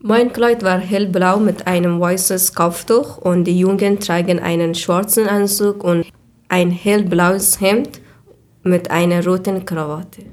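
Woman, guest, careful scripted answers, somewhat low voice. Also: fairly even intonation, slow, a little mellow. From Afghanistan. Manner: careful, with small slips. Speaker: interview guest.

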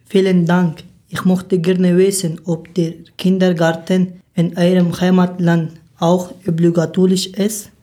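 A woman hosting a scripted interview podcast, asking careful, measured questions. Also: lowish voice, little pitch movement, mellow. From Afghanistan. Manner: careful, measured learner's German. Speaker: podcast host.

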